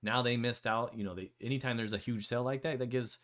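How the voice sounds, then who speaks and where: A man's voice: mid-range voice, fairly even intonation, quick pace, a bit bright. A man hosting a casual online voice chat, talking loosely with many fillers and restarts. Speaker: host of a community AMA.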